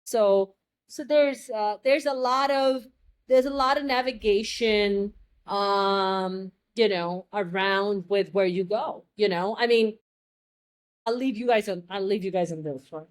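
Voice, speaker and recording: A young adult American woman, appearing as a guest in a casual chat, tells stories in a lively, blunt way, joking and swearing freely. Her voice is medium-pitched and her pace measured.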